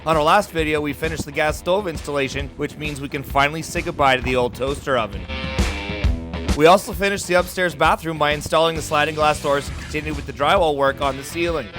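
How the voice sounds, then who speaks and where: A middle-aged man hosting a casual home-renovation vlog, upbeat and chatty, talking to viewers at home and outdoors by a lake in winter. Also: fairly high pitch. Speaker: vlogger.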